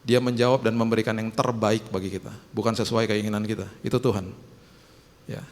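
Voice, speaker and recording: A man preaching as a pastor, chatty and conversational, often rising into a much higher, animated tone to press a point. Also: a little fast. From Indonesia. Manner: conversational, rising to animated high-pitched emphasis. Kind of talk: sermon. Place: church auditorium. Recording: long church hall reverb.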